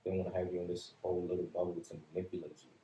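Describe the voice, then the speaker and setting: Calm low-voiced man in an echoey room. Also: rapid-fire. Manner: calm, even, matter-of-fact delivery. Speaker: podcast host. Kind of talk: casual podcast chat. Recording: roomy echo with faint room noise.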